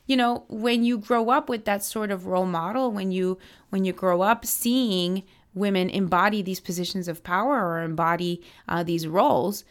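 A young woman from Miami answers interview questions as a political strategist. She speaks earnestly and with passion, pausing on fillers and restarting her sentences as she goes. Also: mid-range voice. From Miami, United States.

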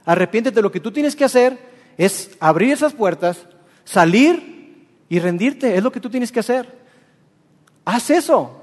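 A man voicing a stern old male prophet who pleads in a low, earnest way. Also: expressive, a little slow, long pauses, heavily acted. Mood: earnest pleading. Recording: long hall reverb.

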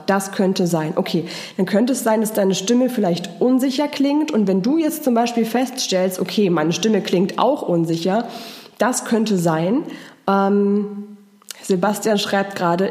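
A woman's voice: medium pitch, darkish tone, echoey room. A woman voice and charisma trainer, coaching live and answering viewer comments in an encouraging, patient way. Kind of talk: live-stream coaching talk.

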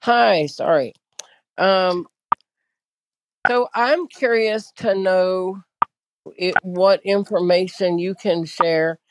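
A woman's voice: on the low side, slow pace, long pauses, background noise. A woman casually asking a panel a question in a tentative, self-deprecating way. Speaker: audience member asking a question.

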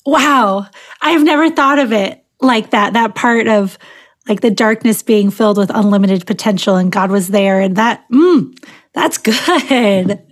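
A woman's voice: mid-range voice, measured pace. A woman podcast host asking thoughtful questions and affirming her guest in a casual interview. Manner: attentive, affirming listener.

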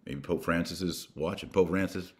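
A religious podcaster speaks in a deep, low voice with fairly even intonation. Still, he preaches emphatically, pausing dramatically and repeating himself for weight while using colloquial phrasing.

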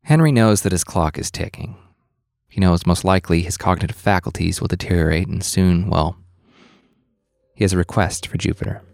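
A man's voice: low-pitched, normal speed, creaky, a little mellow, no room sound. A man narrating a story podcast as its host, in a dry, wry scripted delivery.

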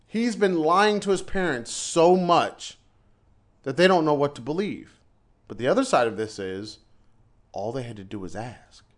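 A man's voice: a little high, animated, normal speed. A man who teaches English in China, telling a story in casual chat with a ranting, exasperated manner. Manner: exasperated storytelling rant, repeats himself.

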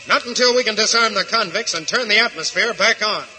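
A man's voice: sits high, a little fast, background noise, natural voice. An American man playing an earnest, resolute young space cadet leader in an old-time radio drama. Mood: brisk.

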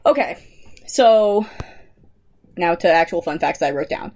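A woman's voice: on the low side, animated, a little slow, a little mellow. A young woman co-hosting a podcast, chatting casually, laughing often and reading out trivia. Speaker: podcast co-host. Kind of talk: casual chat.

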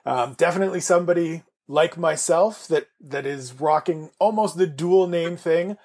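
Chatty podcast host man, gravelly. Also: on the high side, normal speed, darkish tone. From Canada. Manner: chatty, rambling with restarts. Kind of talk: casual podcast chat.

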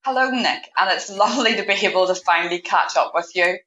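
Female podcast guest, fifty, lowish voice, roomy and slightly muffled recording. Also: quick pace, bright, forceful tone. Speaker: podcast guest, payroll manager. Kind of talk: interview answers. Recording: echoey room, dull lo-fi sound.

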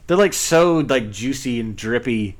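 A man's voice: mid-range voice, lively intonation, measured pace. A man chatting in a casual podcast, rambling along with lots of "like" and playful exaggeration. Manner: chatty, rambling with fillers and restarts. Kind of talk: casual chat.

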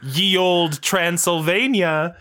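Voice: medium pitch, fairly even intonation, takes it slowly, sharp tone. A podcast co-host chatting playfully about comics and hosting a jokey segment like an announcer. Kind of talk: casual comic-book chat.

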